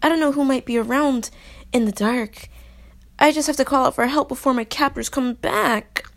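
Woman acting a coy, creaky-voiced young captive princess. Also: sits high, moderate pace. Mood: coy pleading. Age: young adult. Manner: breathy, coy, pleading, playful. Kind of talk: intimate audio role-play.

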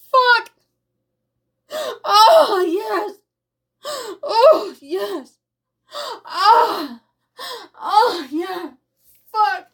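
A woman voicing a teasing, domineering superpowered stepmother in an intimate audio roleplay, with a slow, sultry delivery. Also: mid-range voice, darkish tone, breathy edge.

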